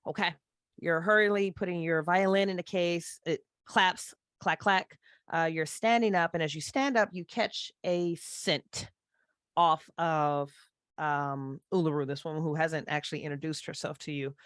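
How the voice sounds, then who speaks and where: A woman's voice: sits low, steady tone, measured pace, smooth, no echo, studio quality. Woman narrating as game master. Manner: casual, descriptive, frequent fillers. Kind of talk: narrating a tabletop horror game.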